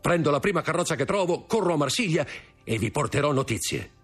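A man voicing an earnest, kindly male shipowner in a raised pitch, as in an audiobook. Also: animated, fast, fairly bright tone, slightly rough, faint music behind. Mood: urgent. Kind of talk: audiobook character voice.

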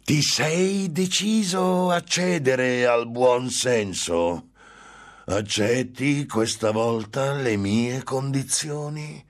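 A man voicing a gloating, impatient male demon who tempts a monk, drawing out his words slowly and menacingly. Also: medium pitch, pitched above the performer's own voice. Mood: taunting. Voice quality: slow, drawn-out menacing delivery.

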